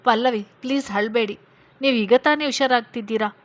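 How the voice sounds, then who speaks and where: A woman voicing a protective male police officer who reassures a frightened witness in a steady, firm way. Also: a little high, brisk, lightly acted. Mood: reassuring.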